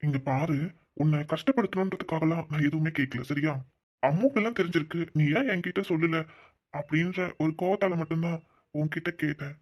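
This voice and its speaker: A man voicing a young man in love in a cartoon, gentle and coaxing. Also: a little high, a little fast, natural voice. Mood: soothing. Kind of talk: cartoon voice acting. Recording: dull lo-fi recording.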